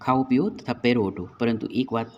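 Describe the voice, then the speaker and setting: A man's voice: medium pitch, a little fast, highs cut off, a little hiss or hum, close to an everyday voice. A man voicing a reassuring older mother-in-law. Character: wealthy older Brahmin mother-in-law, comforting.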